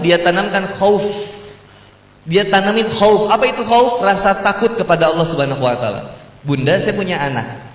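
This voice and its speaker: A male preacher, telling humorous stories that swing from soft asides to loud, emphatic preaching. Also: fairly high pitch, slight background noise. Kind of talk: sermon. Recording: echoey hall, voice picked up from a distance.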